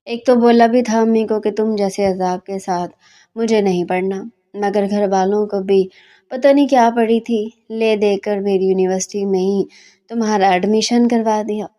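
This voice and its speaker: A woman's voice: mid-range voice, fairly even intonation, normal speed, warm tone, close to an everyday voice. A woman voicing a grumpy sleepy young man. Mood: grumbling. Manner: grumbling, mocking insults. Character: young male student, sleepy and teasing.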